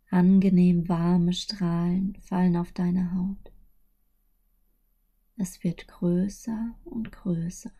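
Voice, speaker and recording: Narrating a guided meditation for sleep, a woman speaks softly and soothingly at a fairly low pitch. Her breathy voice frequently drops almost to a whisper.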